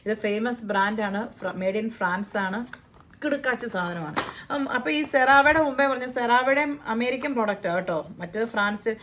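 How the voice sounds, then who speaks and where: Fairly high-pitched and a little fast, this woman speaks with lively intonation and a slightly bright tone. She's a vlogger with a Malayali accent at home in the UAE, casually going through a shopping haul and playfully joking about pronouncing brand names. Slight background noise can be heard.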